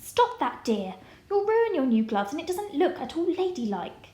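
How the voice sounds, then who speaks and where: A woman's voice: high voice, very animated, normal speed, mellow, roomy sound, pitched above the performer's own voice. A woman voicing a prim, genteel mother who fusses over manners. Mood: scolding. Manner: primly scolding, genteel.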